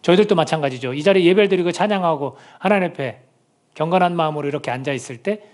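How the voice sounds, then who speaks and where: A man with a slightly raised voice delivers a Sunday sermon from the pulpit. He talks to his congregation in a conversational way, often putting questions to them as he goes. His preaching stays warm and explanatory rather than shouted. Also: fairly high pitch, fast talker. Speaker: pastor. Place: church sanctuary.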